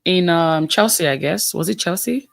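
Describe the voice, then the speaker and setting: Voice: medium pitch, moderate pace, creaky, a bit bright. Co-host asking questions about football. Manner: asks questions, short agreeing replies. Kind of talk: casual match-review chat.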